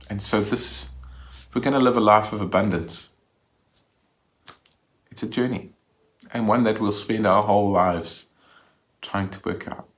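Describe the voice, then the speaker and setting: A male minister delivers a recorded Sunday reflection in a relaxed, conversational way. His voice sits a little low, and he often stops to restart his phrases.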